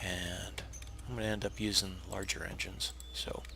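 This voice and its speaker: Speaking at normal speed, the tutorial narrator explains his game build in a low, hoarse, raspy voice, since he's unwell, keeping an easy, relaxed pace. He restarts often, says "uh" a lot, and corrects himself here and there as he goes step by step. The home recording carries a steady hiss and faint chirping birds.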